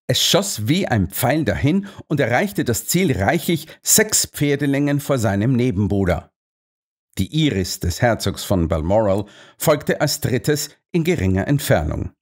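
Slow, expressive male audiobook narrator. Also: mid-range voice. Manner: measured, expressive reading. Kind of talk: scripted first-person narration.

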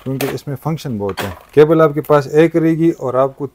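A man, a shopkeeper demonstrating gadgets in a market shop. He talks in a brisk salesman's patter and keeps using polite forms of address. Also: a little high, lively intonation, a little mellow, slight background noise. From Pakistan. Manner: brisk salesman patter, frequent "thik hai" and "janab-e-wala". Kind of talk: product demonstration sales pitch.

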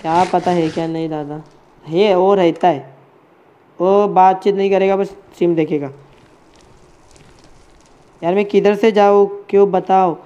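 Male streamer, casual running commentary to chat, muffled low-fi sound. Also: fairly even intonation, measured pace, long pauses, warm tone. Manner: chatty, addresses chat and friends as bhai. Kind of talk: casual live game commentary.

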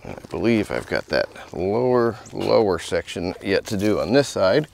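A middle-aged man with a lowish, expressive voice and some vocal fry walks through a hands-on car detailing demo in a residential driveway, chatting casually at a normal pace. He's recorded outdoors on a close mic, with a faint hiss or hum underneath.

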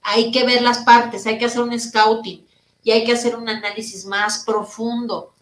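A woman therapist and speaker answering audience questions in a live online talk, speaking loudly and emphatically and asking her listeners questions. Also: on the high side, level tone, moderate pace, roomy sound, rough recording. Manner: addresses listeners directly with rhetorical questions.

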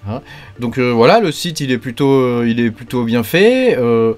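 A man's voice: mid-range voice, lively intonation, moderate pace, darkish tone. Man, YouTube crypto host, chatty and rambling, mid voice, light music bed. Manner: rambling, heavy fillers and verbal tics. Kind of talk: joking casual video talk.

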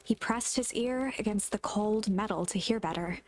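A woman's voice: mid-range voice, moderate pace, background noise, lightly acted. A woman acting as a solemn storybook narrator for a mystery game, telling the tale in a scripted dramatic style. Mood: solemn, ominous. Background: music.

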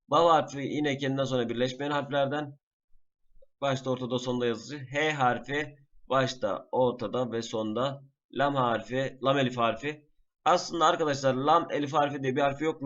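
A man teaching a class in a screen-recorded lesson, patiently naming each item slowly and repeating it. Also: mid-range voice, a bit bright, muffled recording. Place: at a computer.

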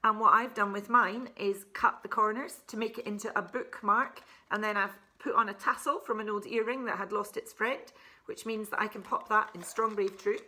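Here the same kind of speaker, a woman from Scotland in her forties, sounds pushed and bright at medium pitch, keeping her intonation fairly even and her pace moderate. She's indoors in a furnished living room, chatting about the children's book she wrote and explaining simply with asides.

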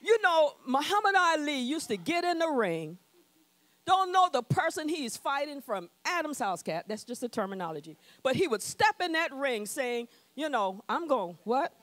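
A woman's voice: high-pitched, big pitch swings, normal speed, a bit bright, no room sound. A woman pastor preaching a sermon in a bold call-and-response manner to her congregation. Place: church sanctuary.

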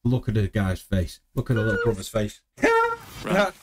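Lively British man reacting to videos. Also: on the low side, moderate pace, noisy background. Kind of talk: casual reaction commentary. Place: small home room, indoors. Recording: music under the voice.

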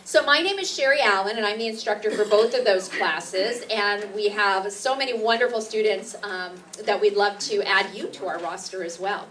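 The acting instructor hosting the event welcomes a live audience from a meeting room stage indoors, speaking in a mid-range, slightly bright voice at normal speed with few pauses. Her announcements are captured by a distant camera mic with clear background noise.

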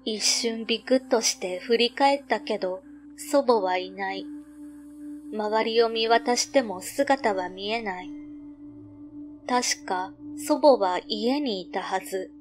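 A woman reading a scripted ghost story as narrator, measured and suspenseful, pausing between short phrases. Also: fairly high pitch, soft background music.

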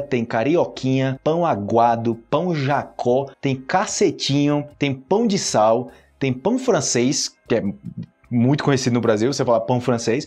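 Young brazilian guy teaching portuguese, husky voice, chatty and slangy, laughs a lot. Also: mid-range voice, darkish tone. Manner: chatty, laughs often, slangy, repeats words slowly to drill pronunciation. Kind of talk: casual video lesson.

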